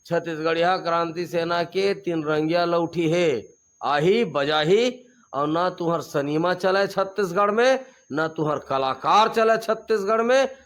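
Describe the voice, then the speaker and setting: Speaking with a Chhattisgarhi accent, a man answers interview questions in the role of a regional activist. His fairly high, slightly bright voice is fiery and emphatic, and he drives his point home by repeating slogans.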